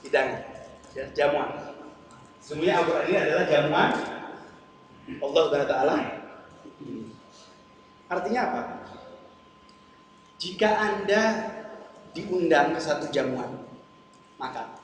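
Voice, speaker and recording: Brief: male lecturer, high pitch, didactic, checks in with the crowd, distant mic in a very reverberant hall. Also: unhurried, long pauses. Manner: didactic, keeps checking with the audience by asking "ya kan?". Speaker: lecturer at a religious congress. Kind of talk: religious lecture to an audience. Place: large lecture hall at a congress. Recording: very echoey hall from far off, faint noise.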